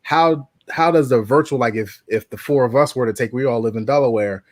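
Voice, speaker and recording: A man's voice: mid-range voice, brisk, no echo. A man co-hosting a podcast, asking long rambling questions with frequent restarts. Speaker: podcast co-host. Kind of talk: casual podcast conversation.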